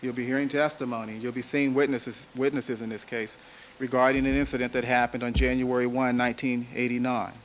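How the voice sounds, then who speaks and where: Prosecutor, male, mid-range voice; slow, deliberate jury address with repeated phrases, in a hissy old courtroom recording. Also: mid-range voice, flat delivery. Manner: measured, deliberate, emphatic repetition. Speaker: trial prosecutor. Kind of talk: courtroom opening statement. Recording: noisy archival courtroom audio.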